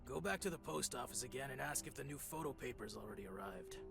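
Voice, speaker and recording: An actor playing a cranky, sleazy shop boss in a video game, barking orders with contempt. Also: male voice, medium pitch, animated, fast talker, vocal fry. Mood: gruff. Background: game music.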